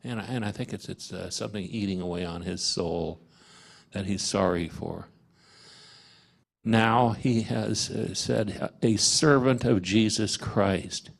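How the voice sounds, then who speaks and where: A man leading a parish Bible study, explaining scripture in a halting way with many fillers and restarts. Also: lowish voice, vocal fry, breathy edge. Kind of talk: informal Bible study teaching. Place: parish meeting room.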